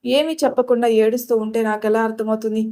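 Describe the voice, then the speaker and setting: A woman's voice: a little high, steady tone, fast, dark tone, natural voice. Woman voicing a protective older sister. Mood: comforting. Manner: comforting, then scolding. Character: caring elder sister, firm and protective.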